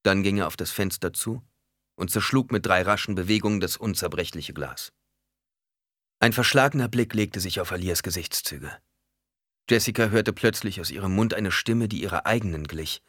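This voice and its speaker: Male narrator, deep but crisp voice, dry close sound. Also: moderate pace, fairly bright tone, no room sound. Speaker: audiobook narrator. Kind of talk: scripted narration.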